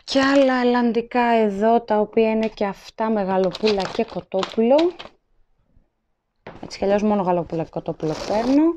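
A vlogger sits at a table at home, chatting casually as she shows her supermarket shopping up close to a handheld phone camera, listing items and their weights. Her voice is a little high and warm, with a slight hiss or hum in the recording.

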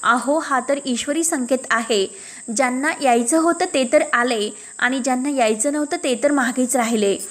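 A woman's voice: high voice, normal speed, natural voice. A woman voicing a middle-aged mother of the household who speaks earnestly and firmly.

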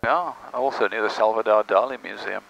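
Bright-voiced man on a cockpit headset. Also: on the low side, a little fast, creaky, highs cut off. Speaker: pilot and vlogger. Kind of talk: casual cockpit chat and radio calls. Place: small plane cockpit in flight. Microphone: aviation headset.

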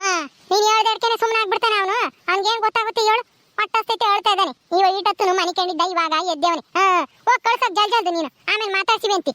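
A woman's voice: very high voice, rapid-fire, bright, forceful tone, dry recording. A woman playing an ailing, bossy village wife in a comedy skit, with a rural Karnataka Kannada accent and a nagging, scolding manner.

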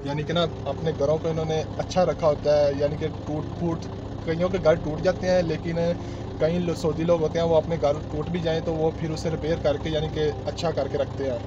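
A man's voice: fairly high pitch, highs cut off, noisy background. Chatty young man. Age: young adult. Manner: chatty and repetitive, often calls viewers brother. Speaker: vlogger. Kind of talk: casual travel vlog narration. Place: inside a vehicle cab on a drive. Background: background music.

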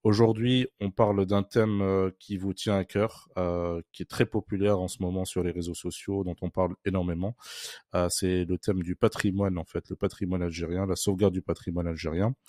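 A man's voice: low voice, fairly even intonation, moderate pace, dark tone, no room sound, clean studio sound. A man hosting a podcast, introducing his guest with frequent hesitations and fillers. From Algeria. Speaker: podcast host. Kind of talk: casual podcast interview.

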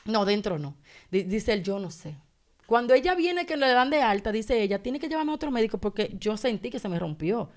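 A woman's voice: on the high side, brisk. A woman telling an emotional personal testimony on a radio talk show, acting out the dialogue as she goes. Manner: animated storytelling, acting out dialogue. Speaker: guest giving testimony.

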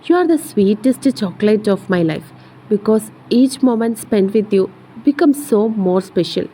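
A woman voicing a tender young man murmuring sweet words slowly. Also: fairly high pitch, animated, dark tone, slight background noise, close to an everyday voice.

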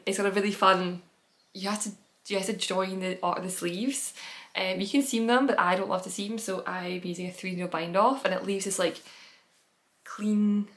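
Showing her projects on her knitting podcast, a woman who also designs patterns talks in a casual, chatty way. She wanders with fillers and self-corrections, and her voice is medium-pitched with a fairly bright tone.

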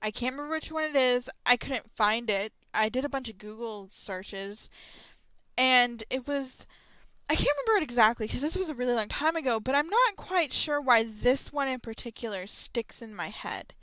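Speaking at a moderate pace, a young woman who vlogs and hosts an audio log wanders through horror stories in an informal, somewhat tentative solo chat. Her voice sits a little high and is expressive with a sharp edge, captured in a dry recording.

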